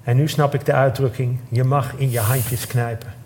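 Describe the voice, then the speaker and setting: A man's voice: medium pitch, little pitch movement, darkish tone. A man telling an emotional story on stage. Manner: emotional, halting, breaking off and restarting. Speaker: guest storyteller. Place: theatre stage before a live audience.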